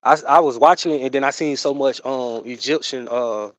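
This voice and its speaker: A man's voice: medium pitch, a bit bright. A man talks to his livestream viewers in a loose, rambling way, piling on fillers and asides. His voice sits in a middle register. The sound is dry and close, with no room echo. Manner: rambling, drawn-out, full of fillers and "you know what I'm saying". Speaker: livestream host. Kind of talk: casual livestream chat.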